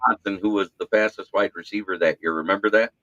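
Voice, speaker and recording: A man hosts a casual sports podcast on a podcast mic, telling stories animatedly in a practiced radio voice and poking fun at himself. His voice sits on the low side and moves at a quick pace. The recording has no room sound, and the highs are cut off.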